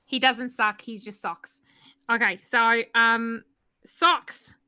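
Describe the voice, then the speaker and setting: A woman's voice: a little high, fairly even intonation, takes it slowly, sharp tone, clear, resonant tone. A woman chatting casually as a tabletop game player, informal and interrupting herself.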